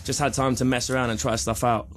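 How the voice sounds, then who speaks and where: A man's voice: medium pitch, level tone, fast, fairly bright tone, a little hiss or hum. A man, a musician guest, chatting in a casual radio interview, laid-back and rambling.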